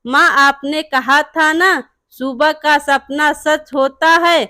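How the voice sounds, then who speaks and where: A woman's voice: sits high, steady tone, slow pace, sharp tone, no room sound, clean studio sound, full character voice. A woman doing an earnest, simple young village man. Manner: earnest, hopeful, innocent.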